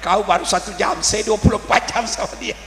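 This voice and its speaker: A man voicing a sly, long-suffering husband with a deadpan, scheming manner. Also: sits high, a little fast, soft background music. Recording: echoey hall with faint hum.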